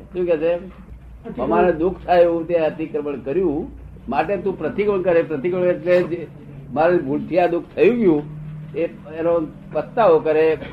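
A man with a slightly high voice gives a spiritual discourse, often pausing to ask his listeners whether they have followed him. The old recording sounds dull and lo-fi, with a faint hiss underneath. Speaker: spiritual teacher.

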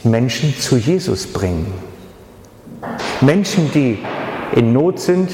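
Male preacher, slow and expressive, acts out the story, reverberant church room. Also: medium pitch, background noise. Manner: dramatic storytelling, acting out voices. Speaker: pastor. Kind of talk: sermon. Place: church hall. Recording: echoey reverberant church hall.

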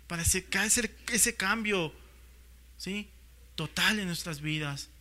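A man's voice: high voice, slow, bright, forceful tone. A man preaching a sermon, often checking in with the congregation and acting out quotes in playful voices. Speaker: pastor.

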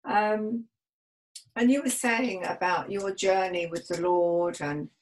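A woman's voice: medium pitch, slow, rough recording. Chatty woman hosting a church radio show. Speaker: radio host. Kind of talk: casual chat.

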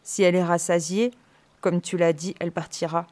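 A woman's voice: fairly low pitch, fairly even intonation, a little fast, a little mellow, lightly acted. Woman reading as a curt, tense young man. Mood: irritated. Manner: blunt, curt, swears.

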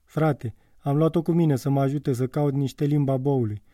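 A man's voice: mid-range voice, fairly even intonation, dark tone, no room sound, clean studio sound, far from the mic, lightly acted. A man reading an audiobook, voicing a defiant young woman narrator who speaks earnestly and reproachfully. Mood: pleading.

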